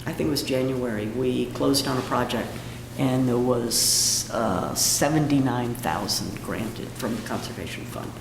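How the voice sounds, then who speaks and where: A man presents informally at a meeting in a hoarse, froggy voice thickened by a cold. His delivery has a creaky edge, and the room is echoey with clear background noise. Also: mid-range voice, measured pace, hardly any pauses. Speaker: presenter of a budget request at a town meeting.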